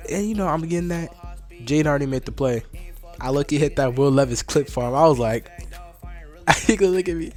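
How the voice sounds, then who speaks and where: A young man giving casual, slangy, excitable commentary on his old game footage. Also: a little high, a little fast, pauses often, soft background music. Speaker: vlogger.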